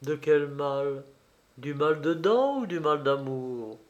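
Fairy godmother from a storybook, voiced by a man, wise, calm, gently ironic. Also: fairly high pitch, slow, dull audio. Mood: teasing.

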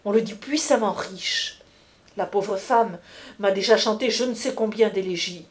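A woman's voice: medium pitch, unhurried, natural voice. A woman voicing a tender, scheming young courtesan in an audiobook reading, in a coaxing, intimate way.

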